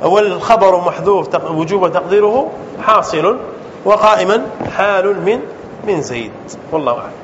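A man's voice: high-pitched, animated, a little fast, fairly bright tone. A man teaching Arabic grammar to a class, asking questions and often checking whether students understand. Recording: dull lo-fi classroom recording with faint noise.

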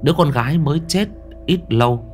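A man's voice: on the high side, brisk, soft background music. A man narrating a ghost story dramatically, lingering on eerie details.

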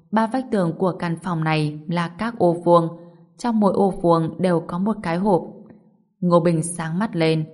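A woman narrates a scripted fantasy audiobook. Her voice sits slightly lower than usual for a woman, and she reads the story as its narrator. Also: darkish tone.

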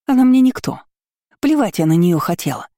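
Woman playing a raging spiteful baroness, shrill and slow, kinda dark tone, dry sound. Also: sing-song, no room sound, natural voice. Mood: shocked. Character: furious scheming middle-aged baroness.

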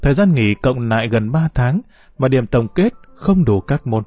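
A man narrating a novel for an audiobook in a calm, measured storytelling voice. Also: medium pitch, no room sound, faint music behind. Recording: dull, slightly muffled recording.

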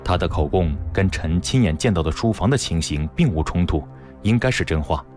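A clever official lays out his reasoning calmly, played by a male storyteller. His voice is low and lively, with soft music in the background. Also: a little fast.

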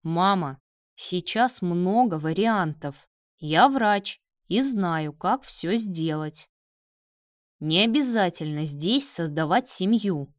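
A man's voice: sits high, lively intonation, slow pace, no echo, clean studio sound. A woman voicing a blunt, sardonic young male doctor who speaks in curt, cutting lines. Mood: firm.

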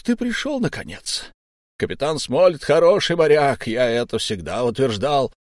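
Audiobook: male narrator plays a silky old pirate captain, raised voice, lively, friendly on top and threatening below. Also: a little high, no room sound, clean studio sound, pitched above the performer's own voice, close to an everyday voice. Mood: coaxing. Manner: mock-friendly, coaxing, menacing underneath.

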